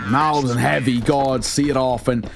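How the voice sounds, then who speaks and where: A man's voice: mid-range voice, steady tone, measured pace. A man working as an esports caster, mixing conversational analysis with play-by-play commentary on a live match. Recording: clear background noise behind the voice.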